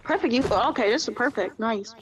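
A woman's voice: a little high, animated, brisk, noisy background. A woman in a casual gaming chat, playful and bossy, cracking jokes with a friend while they play. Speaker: game player.

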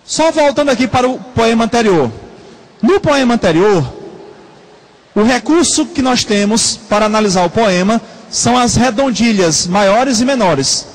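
Male teacher, very high voice, lecture style, repeats terms slowly, echoing room. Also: expressive. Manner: repeats terms slowly for note-taking, asks the class questions. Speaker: Portuguese teacher. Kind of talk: classroom lecture.

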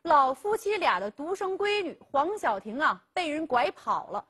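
A woman hosting a legal program, telling a village story dramatically and acting out the characters' dialogue. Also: sits high. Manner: lively storytelling, acting out dialogue with drawn-out 啊 pauses.

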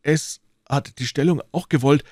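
A man voicing an anxious young male student with a hoarse voice. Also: fairly high pitch, normal speed, a little mellow, no room sound, clean studio sound, voice pushed up, close to an everyday voice. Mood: anguished. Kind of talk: audiobook character voicing.

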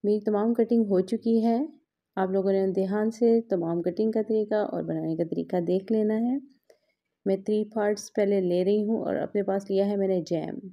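Speaking at a normal speed with a steady, mellow, medium-pitched voice, a woman gives step-by-step cooking instruction. She's a cooking vlog host working with her hands at her home kitchen counter, explaining each step patiently.

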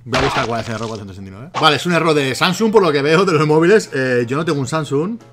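A man with a Spain Spanish accent and a slightly high voice, talking casually and cheerfully through a chat with a bot. He laughs easily and often. Faint music plays underneath. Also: expressive, rapid-fire. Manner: chatty and giggly, often bursting into laughter. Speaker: YouTuber. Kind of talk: casual commentary while chatting with a bot.

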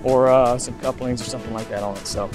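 A man's voice: mid-range voice, quick pace. A man in his thirties talking casually to a handheld camera at arm's length outdoors, explaining his fishing gear with plenty of "uh"s. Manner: relaxed, filler-heavy explaining. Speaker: fishing vlogger. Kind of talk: casual vlog narration. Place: outdoors on a suburban street and lakeside, also in a truck. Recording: music playing underneath. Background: background music.

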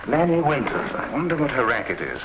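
Shrewd, unflappable inspector, played by an actor; varied, expressive delivery; muffled vintage TV sound. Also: male voice, mid-range voice, brisk, lightly acted. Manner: cool, probing, dry understatement. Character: calm shrewd male police inspector. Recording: dull 1950s TV soundtrack, faint hiss.

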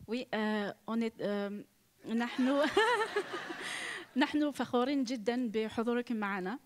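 A woman working as a live interpreter at a church gathering, speaking quickly. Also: on the high side.

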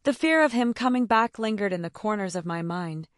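A woman narrating a dramatic first-person story with steady tension. Her voice sits at an ordinary middle pitch. The sound is dry and close, with no room echo. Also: brisk.

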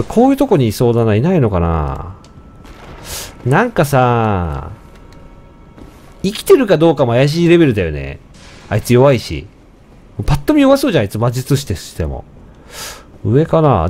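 A young man casually commenting on his own gameplay, chatting to himself with sudden excited outbursts. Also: medium pitch. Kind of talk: casual let's-play commentary.

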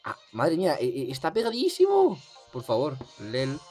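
A man's voice: on the high side, wildly swooping pitch, moderate pace, a little mellow, husky. Young guy rambling over his game, voice jumps all over, bit of music under it. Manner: rambling, chatty, lots of fillers. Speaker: gaming youtuber. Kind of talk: casual gameplay commentary.

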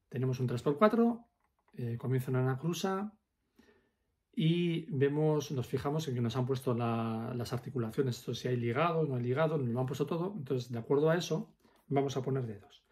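A man's voice: medium pitch, a little mellow. A man teaching accordion step by step, patiently explaining fingering and counting the beats aloud. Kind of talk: step-by-step music lesson.

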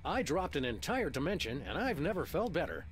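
Very expressive, wry dog detective. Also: male voice, fairly high pitch, fairly quick, a little hiss or hum. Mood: wry, genial. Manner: wry, folksy. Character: big easygoing male dog detective, wry and unflappable. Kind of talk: cartoon game voice acting.

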